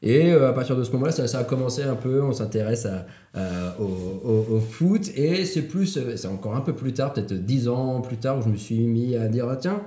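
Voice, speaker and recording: A man's voice: mid-range voice, normal speed, hardly any pauses, dark tone. A man in his thirties from France, a podcast guest chatting casually and hesitantly, with many fillers and restarts. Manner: hesitant, full of "euh" and restarts. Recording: echoey room.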